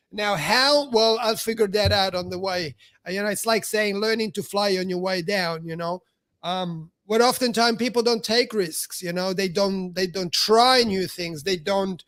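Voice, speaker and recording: A man's voice: sits high, a bit bright, no echo. A middle-aged man hosting a podcast, telling a story in a casual chatty way, full of fillers and acted-out dialogue. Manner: chatty, heavy on fillers, acts out quoted dialogue. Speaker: podcast host.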